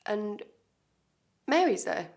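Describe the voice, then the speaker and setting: A woman's voice: medium pitch, big pitch swings, slow pace, vocal fry, heavily acted. A woman acting a blunt, defiant woman, confessing under questioning in a swearing, hesitant self-tape monologue. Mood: recounting. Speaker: actor.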